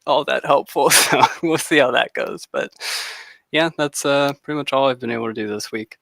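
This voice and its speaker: A man's voice: medium pitch, moderate pace, gravelly, a bit bright, dry recording. A man on a gaming podcast panel, talking in a rambling, hesitant way about his week. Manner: rambling, hesitant with fillers and laughs. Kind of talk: casual gaming podcast chat.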